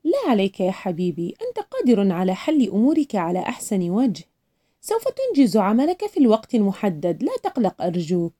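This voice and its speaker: A woman voicing a young fiancée who soothes her partner in a gentle, coaxing way. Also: mid-range voice, very animated, quick pace. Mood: soothing. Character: sweet-talking young fiancée, soothing and calculating.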